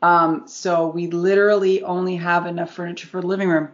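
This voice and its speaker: A woman's voice: lowish voice, flat delivery, a little fast, very noisy. A woman chatting casually and candidly with friends, gushing freely, recorded in an echoey, sparsely furnished room. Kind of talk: casual group chat. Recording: echoey empty room, dull lo-fi sound.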